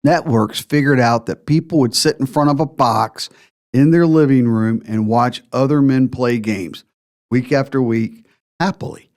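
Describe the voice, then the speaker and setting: A man's voice: medium pitch, a little slow, darkish tone. A man hosting a retirement planning podcast, explaining figures step by step with emphasis.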